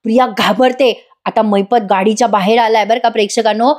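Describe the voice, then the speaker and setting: A woman narrates a TV serial episode in an enthusiastic voice-over review. Her voice sits high, and she talks straight to her viewers as she retells the scenes. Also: fairly even intonation, a little fast.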